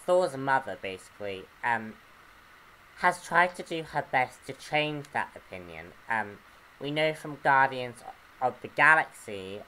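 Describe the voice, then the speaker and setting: Slow, hesitant man reviewing comics. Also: mid-range voice, lively intonation, bright, forceful tone, a little hiss or hum, rough recording. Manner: hesitant, pauses often to search for words. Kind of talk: unscripted review monologue.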